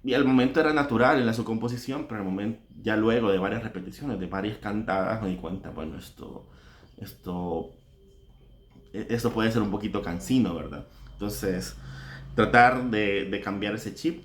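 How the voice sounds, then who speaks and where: A low-pitched man talks through his songwriting in a relaxed, reflective way, laying out each point step by step. His voice carries the echo of a bare, roomy space. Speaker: songwriter and singer. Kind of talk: casual spoken reflection on songwriting. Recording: echoey room.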